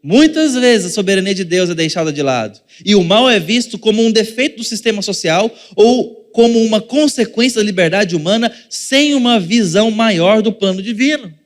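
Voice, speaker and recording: A man with a Brazilian Portuguese accent preaches from the pulpit, his voice pitched high for a man. He keeps it chatty, slipping into small acted-out scenes and turning to the listeners to address them directly. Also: expressive, moderate pace, few pauses, big-room sound. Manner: conversational preaching, acting out little scenes. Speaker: pastor. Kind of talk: sermon.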